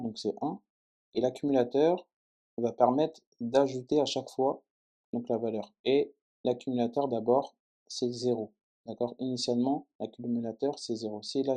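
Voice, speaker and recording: A man's voice: mid-range voice, dark tone. A man teaching a coding lesson in French as he types, explaining each step and often checking in with the viewer. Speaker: programming tutor. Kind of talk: screen-recorded coding tutorial.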